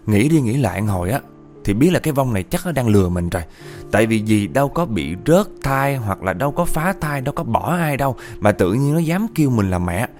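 A man telling a ghost story in a chatty, animated way, often speaking to his listeners. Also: mid-range voice, fairly quick, faint music behind. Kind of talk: casual ghost-story narration.

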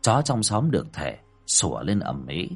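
A man's voice: low voice, wildly swooping pitch, moderate pace, creaky, husky, faint music behind. A man narrating a ghost story expressively.

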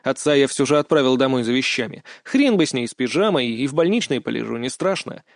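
A man's voice: mid-range voice, lively intonation, fast talker, gravelly, no echo. Man reading an audiobook, dry. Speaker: narrator. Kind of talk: first-person audiobook narration.

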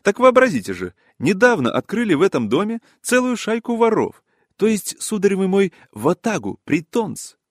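A man voicing a fussy, gossipy middle-aged man who talks in an excited, ingratiating, old-fashioned polite way, in an audiobook. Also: high voice, normal speed, no echo, studio quality, pitched above the performer's own voice, heavily acted. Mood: excited gossip. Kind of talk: audiobook character voice.

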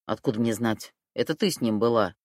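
A jittery young man with a short fuse, as a woman reader puts him on in a storybook reading, gruff and pitched low. He mutters and dodges, then bursts into shouting. The sound is close and dry. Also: brisk, dry recording. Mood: sullish, evasive. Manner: lowered voice, blurts, shouts when accused. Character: jittery scared young man, hot-tempered.

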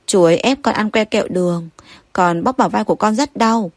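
A woman voicing a frightened five-year-old girl who speaks in a halting, tearful way in an audiobook story. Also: mid-range voice, dry recording, close to an everyday voice.

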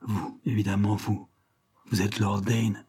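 A man's voice: lowish voice, little pitch movement, unhurried, warm tone, slightly rough. A man reading the part of an anxious, shaken noblewoman in an audiobook, asking urgent questions.

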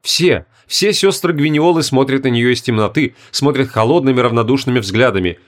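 A man reading a fantasy audiobook in measured, deliberate narration. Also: medium pitch. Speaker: audiobook reader. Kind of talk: scripted narration.

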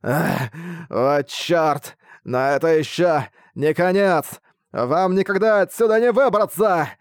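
A man voicing a gloating monstrous male spider mage boss who shouts and cackles, in a dry recording. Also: a little high, slow pace, smooth, no echo, voice pushed up.

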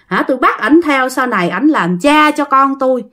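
A woman's voice: expressive, normal speed, sharp tone. A woman voicing a pleading female ghost who has possessed a man and begs in a whiny voice. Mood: begging. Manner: whiny begging, rising to high pleas.

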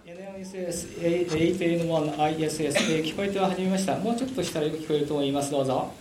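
A man working as a ground station control operator, heard over a radio link. He reads out call signs slowly and repeats his hails. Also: on the high side. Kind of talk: amateur radio call procedure. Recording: noisy, echoey radio audio with clicks.

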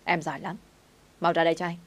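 A woman's voice: lowish voice, level tone, fast talker. Woman reading as an insistent young man. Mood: pleading. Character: pleading young man, devoted father.

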